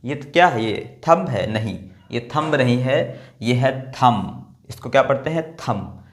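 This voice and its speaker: A man's voice: mid-range voice, lively intonation, unhurried. A man teaching English pronunciation in Hindi, explaining step by step and asking and answering his own questions over slides. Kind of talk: Hindi-language pronunciation lesson.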